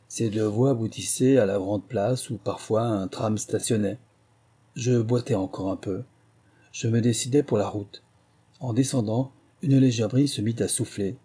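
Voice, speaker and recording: A man narrating a novel in a steady, measured storytelling voice. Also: lowish voice, slightly rough. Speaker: audiobook narrator.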